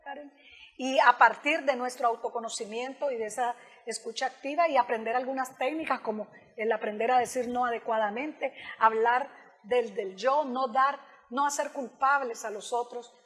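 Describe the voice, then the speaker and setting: A woman guest who is a communication specialist, explaining in an animated interview and speaking directly and informally to the host. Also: fairly high pitch, normal speed, husky, in a large hall. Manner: animated, acts out example dialogues in other voices.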